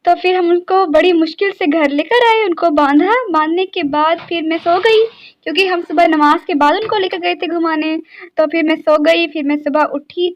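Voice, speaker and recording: A young woman, narrating her day in a chatty, rambling vlog full of little fillers. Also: very high-pitched. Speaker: vlogger. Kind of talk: casual daily-life vlog narration.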